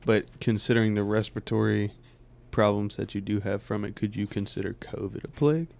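A man's voice: fairly low pitch, steady tone, a little fast, creaky, a little mellow. A man co-hosting a podcast in casual chat, asking questions and rambling a little, laughing easily.

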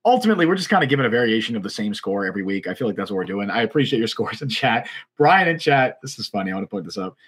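A man co-hosting a casual sports podcast, talking quickly and animatedly and reading chat comments aloud. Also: lowish voice, very animated, fairly bright tone, husky. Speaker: podcast co-host.

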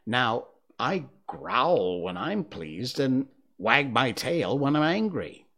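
A man voicing a sly, grinning male cat who teases and talks in riddles, drawing his words out with high swoops. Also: big pitch swings, slow pace, fairly bright tone, heavily acted. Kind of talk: storybook reading.

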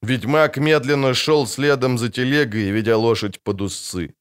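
A man narrating an audiobook in an expressive, lively reading style. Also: mid-range voice, moderate pace, clear, resonant tone. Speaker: audiobook reader. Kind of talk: scripted narration.

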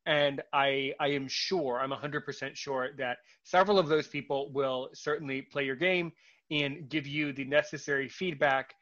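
A man hosting a podcast, talking casually with a guest, halting and repeating his words with many fillers. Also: mid-range voice, fairly even intonation, fairly bright tone, lo-fi sound. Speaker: podcast host.

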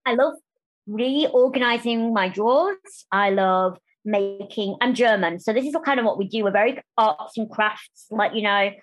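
A woman speaking candidly as a podcast interview guest, animated and quick to restart phrases and act out what others say. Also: mid-range voice, poor audio. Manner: animated, restarts phrases, acts out quoted voices.

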